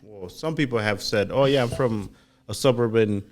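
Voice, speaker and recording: Low-voiced, hesitant man from Chicago. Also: normal speed. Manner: hesitant, restarts often. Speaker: podcast co-host. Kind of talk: casual chat.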